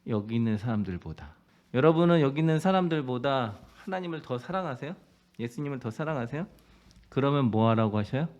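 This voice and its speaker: A man's voice: medium pitch, brisk, darkish tone, muffled recording. A man preaching a sermon as pastor, telling a story and acting out its quotes, often asking the congregation questions. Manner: asks the congregation rhetorical questions.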